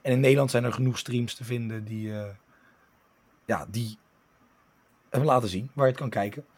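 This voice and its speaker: A man hosting a casual football podcast with a hoarse voice, talking at length with fillers and restarts. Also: medium pitch, moderate pace, a little mellow. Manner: talkative, many fillers and restarts while explaining. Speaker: podcast host.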